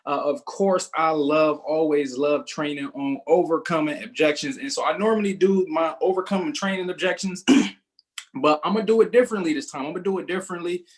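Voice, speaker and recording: A man's voice: a little high, fairly quick. A young man from Southern California training a sales team on a group call, upbeat and self-assured as he tells his own story.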